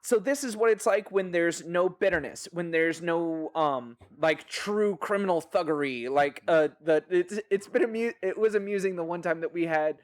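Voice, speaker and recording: A man's voice: sits high, normal speed, hardly any pauses. A man on a discussion panel, chatty, often laughing and acting out quoted voices as he tells stories.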